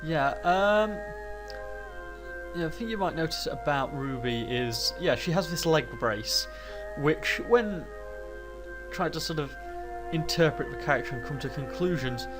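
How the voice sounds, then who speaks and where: This man's voice is a little high, with lively intonation and an unhurried pace, and the rough recording has music in the background. Sick with a cold, he hosts a casual let's play, thinking aloud in a rambling, hesitant way that keeps restarting and correcting itself.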